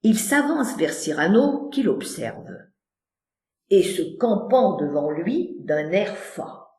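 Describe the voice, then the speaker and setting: A woman's voice: lowish voice, very animated, slow, a little mellow, roomy sound. A woman narrating scripted stage directions for a verse play. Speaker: narrator and performer.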